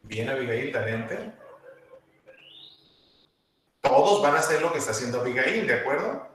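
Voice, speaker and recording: A man's voice: medium pitch, animated, moderate pace, fairly bright tone, distant mic, a little hiss or hum. Male teacher, patient step-by-step delivery, very echoey room, a bit off-mic. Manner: patient, step-by-step, repeats instructions. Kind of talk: online class instruction.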